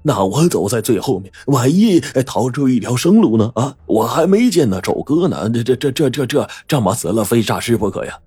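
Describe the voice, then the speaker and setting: A man's voice: mid-range voice, expressive, brisk, few pauses, dark tone, husky, no room sound, voice pushed up. A man voicing a chatty, cowardly old man in an audiobook, rambling and stammering. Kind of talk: audiobook character voice.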